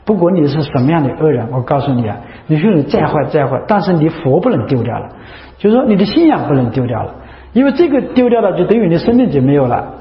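A man, a Buddhist monk, giving a chatty, repetitive dharma talk full of rhetorical questions. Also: fairly high pitch. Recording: echoey hall, dull lo-fi sound.

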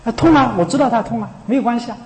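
Man, high voice, Buddhist sermon, emphatic, rhetorical questions, chuckling, long hall echo. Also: rapid-fire. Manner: emphatic and rhetorical, often asks the listeners "you know?". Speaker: Buddhist teacher.

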